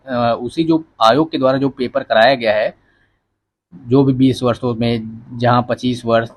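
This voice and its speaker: A male exam coaching teacher giving a casual spoken lecture, advising students directly in a conversational way. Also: medium pitch.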